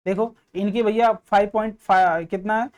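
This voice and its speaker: A man's voice: high-pitched, fairly even intonation, normal speed, smooth. A man teaching physics in an online exam-prep lesson, explaining step by step, often checking whether students follow and mixing in English terms. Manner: mixes in English terms and phrases.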